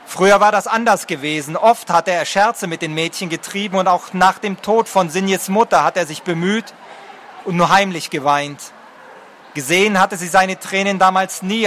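A man reading a fantasy novel aloud as narrator, in a measured and expressive way. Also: high voice, slight background noise. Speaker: audiobook narrator.

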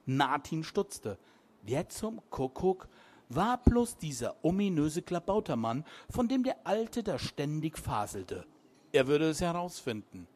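Man, story reader, high voice, lively pitch, expressive, chatty asides. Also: takes it slowly. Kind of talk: reading a crime story aloud, with asides.

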